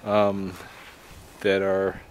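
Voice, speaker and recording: Loud wind noise batters the camera mic as a middle-aged man vlogs from an open field at night, the camera close to his face. Speaking in a lowish monotone, he muses casually and slowly, pausing at length between halting, reflective thoughts.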